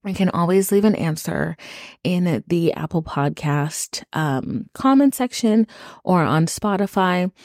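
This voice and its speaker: A woman's voice: on the low side, animated, a little slow, darkish tone, no room sound, clean studio sound. A woman hosting a podcast, talking straight to listeners in a familiar, conversational introduction. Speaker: podcast host.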